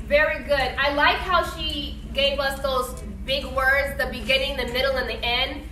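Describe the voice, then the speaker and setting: Her voice sits high, steady, pushed, and bright as this elementary teacher moves at a moderate pace through a read-aloud discussion. She quizzes her young pupils and explains encouragingly, like a patient instructor. Captured from afar in an indoor classroom, the sound is echoey and noisy.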